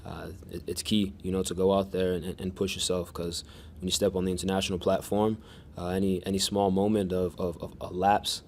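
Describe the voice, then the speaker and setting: Man, deep monotone, press conference answers, faint room hum behind. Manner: measured, many restarts and fillers. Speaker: soccer defender at press conference.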